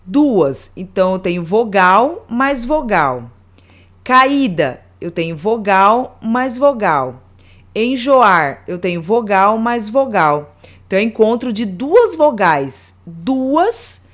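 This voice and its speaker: Woman teacher, mid-pitched voice, slow and deliberate grammar lesson with examples read word by word.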